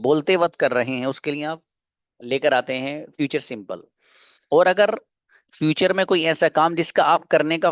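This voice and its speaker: A man's voice: fairly high pitch, no room sound. A man teaching an online grammar lesson. He, asks questions and answers them himself, and repeats each example patiently. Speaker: English teacher.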